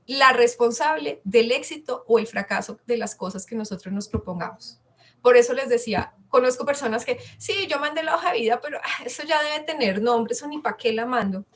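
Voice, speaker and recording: A woman giving an online communication masterclass, chatting and putting questions to her audience. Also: a little high. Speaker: communication coach.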